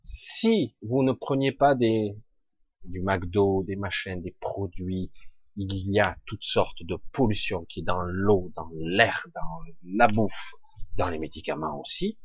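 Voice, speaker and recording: A man with a husky, raspy voice speaks informally and emphatically to an audience, using rhetorical questions and coarse slang in an opinionated monologue. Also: on the low side, no echo. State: throat scratchy with occasional coughing. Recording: dull, lo-fi close recording.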